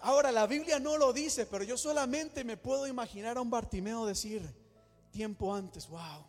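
High-voiced emphatic male preacher in a church. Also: moderate pace. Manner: emphatic, dramatic build-ups with repeated exclamations. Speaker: pastor. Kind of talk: sermon. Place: church hall. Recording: church hall reverb with soft music.

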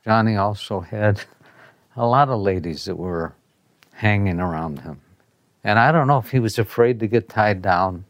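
Low-voiced man reminiscing casually, close and dry. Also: normal speed, no room sound. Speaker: interview guest. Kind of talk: casual recollection.

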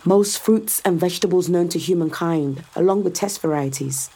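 A woman with a fairly low, warm voice and a breathy edge speaks at a normal pace. She's an actress in a science fiction audio drama, playing a confident, sardonic woman who explains things to a skeptical visitor with assured, dryly teasing delivery. She sounds proud and informative.

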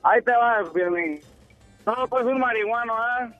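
A man's voice: very high voice, measured pace, highs cut off, music in the background. A man calling into a radio show, chatty and laughing at his own joke as he tells it. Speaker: caller. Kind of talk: telling a joke on air.

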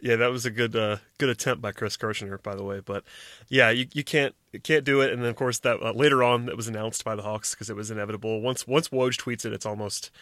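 A man hosts a casual sports talk podcast at a middling pitch. He talks conversationally, often restarting his thoughts, in a close, dry recording. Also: fairly even intonation, fast talker, fairly bright tone, dry recording.

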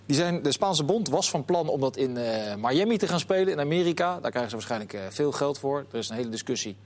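A man hosting a football chat show who talks at a brisk clip with a voice of middling pitch. He tells his stories in an animated way and moves quickly from one point to the next. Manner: animated storyteller, lively anecdotes. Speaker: show presenter.

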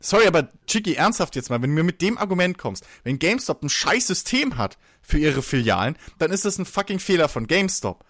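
A man arguing his case in a heated casual debate, swearing freely and leaning hard on his point. His voice sits a little high and swings widely in pitch. The sound is dry and close, with no room in it. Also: big pitch swings, brisk, hardly any pauses, a bit bright, no room sound. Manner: emphatic, argumentative, swears freely.

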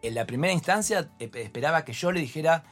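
A man with an Argentine accent, a fashion photographer being interviewed, telling lively anecdotes and acting out voices. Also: a little high, fast, faint music behind. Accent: Argentine Spanish. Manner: expressive storyteller, acts out voices. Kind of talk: animated anecdotal chat.

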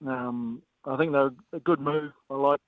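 Guy doing measured rugby chat as a pundit, sounds like a dry phone line, bit hesitant. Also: mid-range voice, fairly even intonation, no echo. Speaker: rugby coach as guest pundit. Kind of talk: casual sports analysis in an interview.

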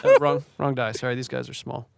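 A man's voice: medium pitch, very animated, a little fast, creaky. A man running a tabletop game as dungeon master, joking and laughing often as he narrates.

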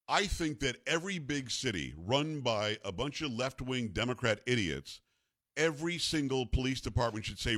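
A man's voice: mid-range voice, a bit bright, no echo, studio quality. A man in his fifties hosting a talk radio show, teasing his co-host and then giving blunt opinions in casual banter. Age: 50s.

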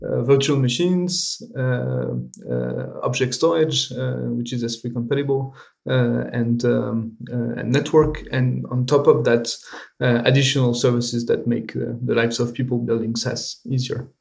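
A man's voice: mid-range voice, fairly even intonation, measured pace, gravelly, darkish tone. A man, a guest and co-founder, talking in a hesitant podcast chat full of fillers. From Switzerland. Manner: hesitant, many fillers, laughs easily. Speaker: guest, cloud company co-founder. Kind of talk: casual podcast conversation.

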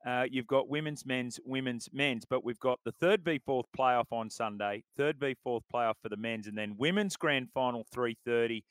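A man's voice: medium pitch, moderate pace, few pauses, clear, resonant tone, dry recording. A man with an Australian accent presenting sports radio in an easygoing, matey, conversational way.

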